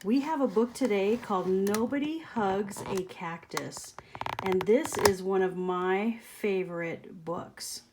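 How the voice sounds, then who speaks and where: Gentle, slow-reading woman storyteller. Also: mid-range voice, heavy background noise. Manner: gentle, slips into whispered asides. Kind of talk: picture book read-aloud. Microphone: webcam or phone video.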